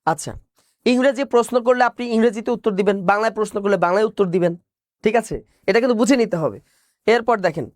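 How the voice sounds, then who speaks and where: A man's voice: high-pitched, dry recording, clean studio sound. A male teacher giving an online exam-prep class, explaining point by point, repeating key phrases and answering his own questions.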